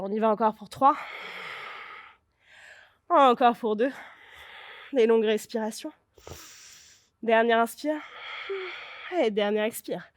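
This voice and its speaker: A woman guides a yoga flow, her voice sitting a little high and close to the mic in a dry, dead space. She cues every breath and pose with steady encouragement. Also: no room sound. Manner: encouraging, cueing breath and poses. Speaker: yoga teacher.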